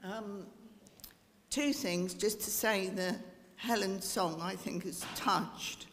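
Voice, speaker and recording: Slow-spoken woman sharing in church. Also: mid-range voice, a bit bright. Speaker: congregation member sharing. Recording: reverberant church hall.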